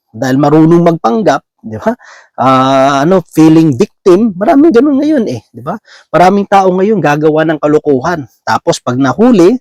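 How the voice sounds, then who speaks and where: Higher-voiced male preacher, conversational. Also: darkish tone, dry recording. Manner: conversational, often asking "di ba?" to the listeners; mixes English words into his talk. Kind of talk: Bible teaching sermon.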